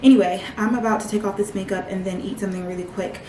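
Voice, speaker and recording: A woman's voice: medium pitch, fairly even intonation, fast, warm tone, reverberant, slight background noise. A young woman in her twenties chatting casually to camera for her vlog, leaning on lots of "like" fillers. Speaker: vlogger. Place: home.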